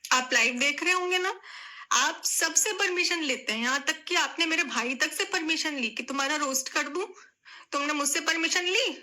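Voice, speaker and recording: In a high, sharp voice at ordinary speed, a young female vlogger pleads with her audience through tears. Her voice keeps breaking and she repeats her words in this emotional statement to camera.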